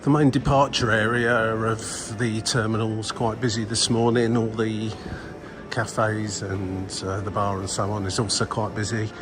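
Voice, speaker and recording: A man's voice: lowish voice, flat delivery, a little slow. A man giving casual, rambling travel vlog commentary in a chatty, hesitant way. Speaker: travel vlogger.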